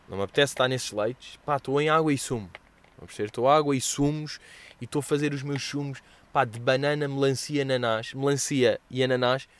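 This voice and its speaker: A young man with a European Portuguese accent hosting a podcast, telling stories in a casual, slangy, animated way and acting out what others said. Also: mid-range voice. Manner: slangy and animated, acts out quoted dialogue with exaggerated voices. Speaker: podcast host answering listener questions. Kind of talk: casual storytelling chat.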